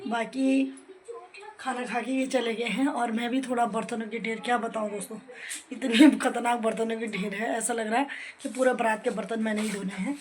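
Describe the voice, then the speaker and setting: A young woman from the hill region of north India vlogs her daily routine at home, indoors and out in the sun, chatting casually and laughing often. Her fairly high voice has fairly even intonation and a moderate pace, and the recording is rough.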